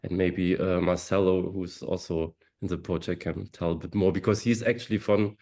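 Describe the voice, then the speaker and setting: Male director, low voice, enthusiastic and hesitant. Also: steady tone, normal speed, creaky, warm tone. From Germany. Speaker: film director. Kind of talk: Q&A panel answer.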